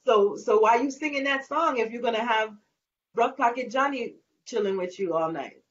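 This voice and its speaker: A woman singer appears as an interview guest, chatting animatedly in a light, slightly high voice at normal speed. She laughs and acts out quotes and little scenes during the casual conversation. The recording is lo-fi with faint noise.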